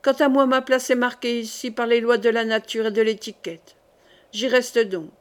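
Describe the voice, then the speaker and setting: A woman's voice: a little high, fairly even intonation, moderate pace, lightly acted. A woman reading the part of a scheming queen mother, haughty and insistent.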